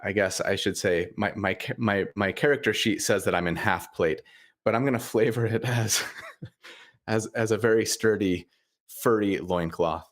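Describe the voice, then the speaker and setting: Halting low-voiced tabletop player. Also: male voice. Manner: halting, repeats words, chuckles. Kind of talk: describing his character in a tabletop game.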